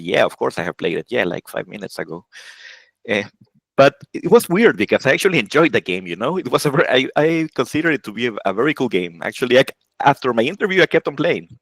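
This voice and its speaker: Halting, low-voiced man from Honduras. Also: no echo, low-quality recording. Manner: halting, many restarts and self-corrections, laughs often. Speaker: game programmer, interview guest. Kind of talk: casual interview answers.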